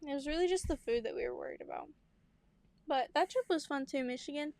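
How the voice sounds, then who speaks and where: A woman's voice: high voice, fairly quick, creaky, a little mellow. A young woman telling family stories in a casual chat, laughing often and acting out what people said. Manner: chatty storyteller, laughs often, acts out quotes. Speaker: podcast co-host.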